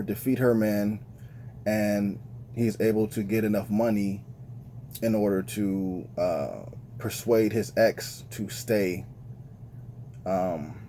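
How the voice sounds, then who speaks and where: A man's voice: lowish voice, mellow, a little hiss or hum. A man giving a casual, slang-filled movie review with lots of fillers, talking straight to his viewers. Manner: laid-back slangy talk, many fillers.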